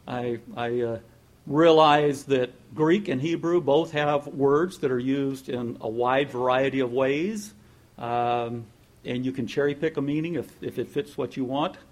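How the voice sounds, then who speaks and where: A pastor preaches to his congregation in a relaxed, conversational voice of middling pitch, steady in tone and a little slow. He laughs often, does playful impressions when quoting people, and his energy rises as he urges listeners on.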